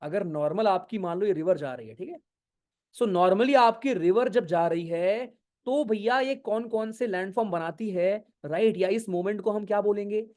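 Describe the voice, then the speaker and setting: A male geography teacher giving an online exam-prep lecture, explaining slowly with many English terms, often checking whether students follow and scolding them for going off topic. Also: high voice, darkish tone. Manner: mixes English terms into speech, keeps asking if it is clear. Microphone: no earphones, talking to an online class.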